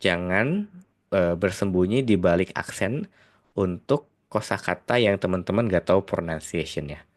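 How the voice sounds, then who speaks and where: Very low-voiced man with a Sundanese accent. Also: expressive, moderate pace. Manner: chatty, explains with many tag words and hesitations; mixes English phrases into his talk. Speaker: IELTS tutor. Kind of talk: casual video lesson.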